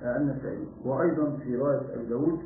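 A man teaching a religious lesson on hadith, clearing his throat often and chanting phrases slowly to demonstrate. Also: fairly high pitch. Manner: frequent throat clearing and fillers. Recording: echoey, distant, phone-like lo-fi audio.

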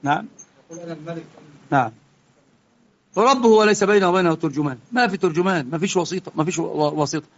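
A man with an Egyptian Arabic accent giving a religious lesson, moving between calm explanation and heated rebuke. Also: sits high, fast, long pauses, dull audio. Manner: impassioned, swings from quiet explaining to heated rebuke. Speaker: religious teacher.

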